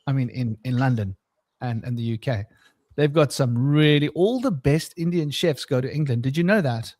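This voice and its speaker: A man's voice: mid-range voice, expressive, normal speed, darkish tone, dry recording, studio quality. A man co-hosting a casual podcast, rambling and joking with frequent laughs and restarts. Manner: rambling, jokey, laughs often, many restarts. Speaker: podcast co-host. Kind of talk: casual conversational podcast chat.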